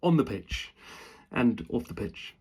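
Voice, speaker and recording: A man hosting a rugby channel and telling a self-mocking story to camera, with animated delivery and sudden loud whoops. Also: medium pitch, takes it slowly, husky.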